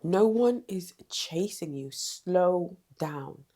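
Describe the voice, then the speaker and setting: A woman's voice: on the low side, expressive, drawn-out words, mellow. A woman giving direct, emphatic confidence advice in a vlog, repeating short commands. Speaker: confidence coach.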